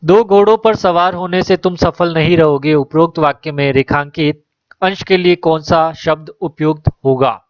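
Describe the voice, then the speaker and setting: A man's voice: on the high side, moderate pace, dry recording. Man teaching exam questions, dull lo-fi. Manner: reads options then gives answer.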